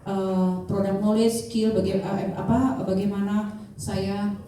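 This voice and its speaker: A woman's voice: mid-range voice, little pitch movement, slow, dark tone, a little hiss or hum. A woman around fifty giving a chatty motivational talk to an audience as an insurance agent, often asking the crowd questions and using fillers. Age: 50s. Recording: distant mic, heavy room echo.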